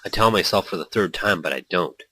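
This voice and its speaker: This deep, expressive male voice is bright and forceful with a breathy edge, recorded without echo over faint background music. He reads a visual novel as brooding first-person narration, introspective in tone, with quick dips into small character voices.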